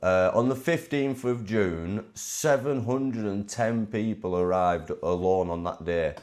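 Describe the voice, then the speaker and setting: A man's voice: fairly low pitch, a little slow, a little mellow. A man chatting casually on a live stream, reading out figures and restarting his sentences. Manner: reads out statistics, chatty with restarts.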